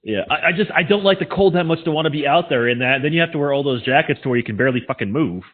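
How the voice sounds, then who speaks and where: Fast-talking male US co-host, blunt jokes and casual swearing, slightly high voice, tinny phone-like sound. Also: expressive. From United States. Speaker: podcast co-host. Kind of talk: casual chat.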